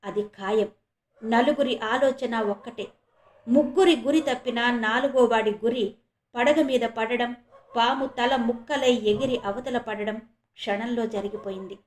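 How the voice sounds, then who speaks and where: A woman from India reading a serialized horror novel aloud as a storyteller, steady and dramatic. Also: fairly high pitch, unhurried, a little hiss or hum. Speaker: storyteller, channel host. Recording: roomy echo.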